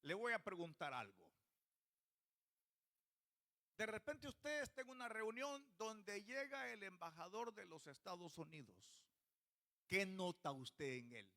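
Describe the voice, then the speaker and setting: A high, bright male voice delivers a church sermon. He keeps questioning the congregation as he preaches. His tone is sharp and forward. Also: animated, unhurried, long pauses. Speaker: pastor.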